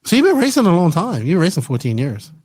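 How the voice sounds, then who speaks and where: A man's voice: fairly high pitch, wildly swooping pitch, quick pace, a little mellow, husky, no room sound. A man hosting a casual podcast, firing off chatty follow-up questions. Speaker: podcast host.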